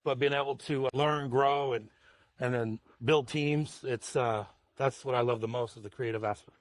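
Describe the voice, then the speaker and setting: A man's voice: medium pitch, fairly even intonation, moderate pace, no room sound. A man who owns a roofing company, answering interview questions in a casual, rambling way, often repeating words and chuckling. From Washington state, USA.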